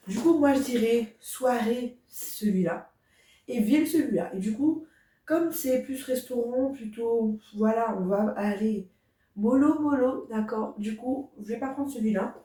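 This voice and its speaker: This young beauty vlogger has a higher voice and a quiet, soft-spoken delivery, yet she's chatty and enthusiastic as she speaks straight to her viewers. Her casual get-ready-with-me vlog is recorded indoors by a distant camera, leaving her sounding far off in an echoey room.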